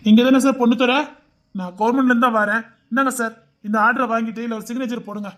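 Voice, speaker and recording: A woman's voice: fairly high pitch, steady tone, fast talker, voice pushed down, close to an everyday voice. A woman voicing a businesslike male government messenger with a Tirunelveli Tamil accent. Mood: official. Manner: businesslike, official. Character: brisk male government messenger, middle-aged.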